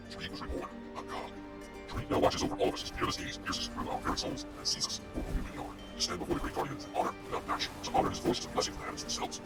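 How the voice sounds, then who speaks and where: A man voicing a solemn, whispering cult shrine keeper who reads out an in-game lore note slowly and ceremonially. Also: natural voice. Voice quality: whispered, hushed. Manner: solemn, slow ceremonial delivery. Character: ancient hushed male cult shrine keeper. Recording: distant voice under loud music. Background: loud game music.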